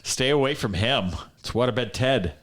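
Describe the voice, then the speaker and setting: A man's voice: medium pitch, normal speed, fairly bright tone, slight background noise. A man, a stand-up comedian guest, trading crude jokes and laughing often in a casual conversation. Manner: crude, joking banter with frequent laughter and mock voices.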